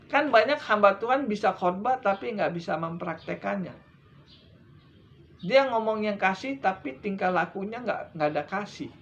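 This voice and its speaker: A middle-aged male evangelist delivering a sermon, pushing his voice up loud for emphasis and then sinking to low, hushed endings. The recording sounds a little dull and lo-fi, with a faint hiss behind him. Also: animated, normal speed. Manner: emphatic, rising and dropping sharply for stress. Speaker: evangelist preacher.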